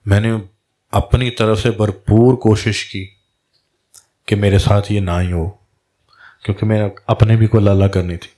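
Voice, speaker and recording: Sufi guide guy, lowish voice, tells a story and does the voices of the people in it. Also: long pauses. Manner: recounts dialogue in lively quoted voices. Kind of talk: storytelling religious talk.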